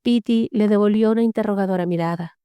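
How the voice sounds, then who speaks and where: Dark-voiced woman narrating a story. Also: mid-range voice, fast, clean tone, no echo. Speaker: audiobook narrator. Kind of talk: scripted narration of a horror story.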